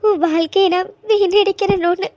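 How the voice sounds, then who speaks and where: A performer voicing a young injured wife in a cartoon love story, soft, pleading and apologetic. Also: extremely high pitch, steady tone, normal speed, a little hiss or hum. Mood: tearful pleading. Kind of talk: cartoon voice acting.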